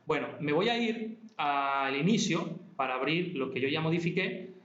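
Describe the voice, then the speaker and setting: A man guiding a student step by step through a screen-recorded software tutorial, patient and often correcting himself. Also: fairly high pitch, a little hiss or hum. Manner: patient, step-by-step, talks to the viewer as "tú", frequent self-corrections. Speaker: online tutor. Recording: roomy, dull lo-fi sound.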